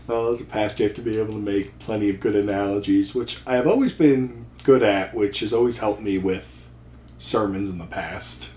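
A New Jersey man, a seminary student and accountant appearing as a podcast guest, chats casually in an echoey room. His voice is fairly low and dark, a bit fast, with slight hiss or hum, and he often restarts sentences while using dry, self-deprecating humor.

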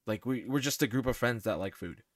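A man hosting a casual podcast with friends, telling a story in animated, mock-exasperated bursts. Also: medium pitch, a little fast, dry recording, clean studio sound. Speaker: podcast host. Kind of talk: casual chat among friends.

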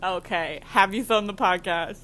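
A young woman co-hosting a casual podcast, animated and teasing, laughing often. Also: medium pitch, moderate pace. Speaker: podcast co-host. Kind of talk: casual chat. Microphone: built-in mic, before her new one arrives.

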